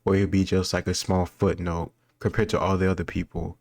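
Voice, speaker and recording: A host reacting to history trivia questions offers casual commentary, rambling and musing and often qualifying his points. His low, level voice is brisk and a little mellow, recorded dry in a clean studio.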